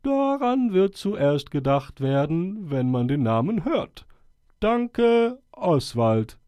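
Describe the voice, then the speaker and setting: A man's voice: a little high, sing-song, darkish tone, no room sound, voice pushed up. Man doing a wise old hooting owl. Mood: explaining. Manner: slow, measured and stately, with hooting calls. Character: wise old male owl chairing a meeting. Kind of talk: storybook character voice.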